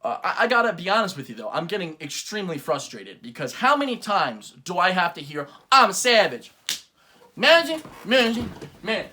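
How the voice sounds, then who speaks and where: A man hosting a home-made comedy talk show from his bedroom, going on excitable mock rants that swing from mumbling to yelling. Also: on the high side, fast, few pauses.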